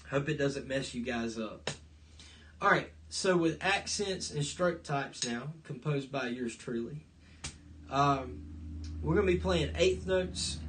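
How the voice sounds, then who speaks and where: A man's voice: on the high side, fairly bright tone, a little hiss or hum. A man teaching a live online drum lesson, explaining stroke types step by step and counting beats aloud, recorded on a phone's front camera. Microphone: phone front-facing camera.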